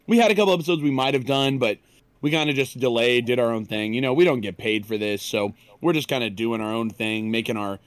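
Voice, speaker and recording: Relaxed man co-hosting, dry sound. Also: medium pitch, fast, clear, resonant tone, no echo. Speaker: podcast co-host. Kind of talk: casual podcast chat.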